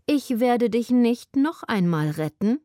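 Woman putting on a slow, drawling grand lady cat. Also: fairly high pitch, big pitch swings, mellow, dry recording, clean studio sound, voice pushed up.

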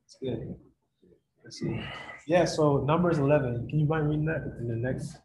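A man's voice: fairly high pitch, normal speed, darkish tone, slight background noise, rough recording. A man teaching a Bible lesson to a group in a casual way, often checking in with his listeners. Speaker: youth Bible study leader.

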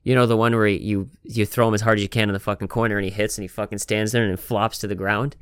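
Swearing man with a smooth, low voice. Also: flat delivery, fast, dry recording, studio quality. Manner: profane, emphatic, rambling. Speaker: podcast host. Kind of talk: casual chat.

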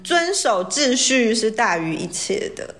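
A woman's voice: a little high, big pitch swings, unhurried, fairly bright tone. A woman with a Taiwanese Mandarin accent speaking as a guest in a casual conversation about work. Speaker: guest talking about her job. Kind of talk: casual chat.

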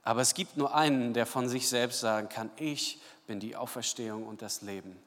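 A man preaching a sermon, retelling the story casually and voicing the figures with lively quotes. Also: mid-range voice, moderate pace, long reverb tail. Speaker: pastor.

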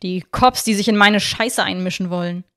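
A woman voicing an agitated, foul-mouthed young male criminal who talks loud and rough. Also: mid-range voice, normal speed, lightly acted. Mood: sullen.

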